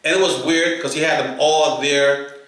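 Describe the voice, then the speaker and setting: A man from New York co-hosts a casual podcast, talking fast and repeating himself as he pushes a point. His voice is fairly high and bright. The room is very echoey. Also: fairly even intonation. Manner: quick, repeats himself, asks pointed questions. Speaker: podcast co-host. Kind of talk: casual chat.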